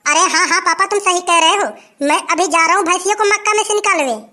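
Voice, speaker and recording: Performer as an obedient young village man, comedy, high and bright. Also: quick pace. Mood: eager. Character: eager young village son.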